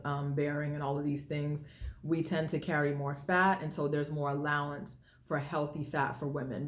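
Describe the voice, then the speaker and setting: A woman hosting a health show, explaining weight and calories in a casual, conversational way, restarting phrases and repeating key figures. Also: low voice. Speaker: host and health educator. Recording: roomy echoey sound.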